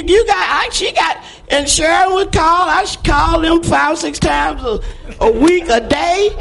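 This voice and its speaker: Speaking through a handheld or stage microphone, this woman shares an unplanned testimony as a church member, her delivery emphatic, folksy and lively. Her voice is high and gravelly, with the whistly gap of a missing front tooth, and the low-quality recording has a faint hiss or hum.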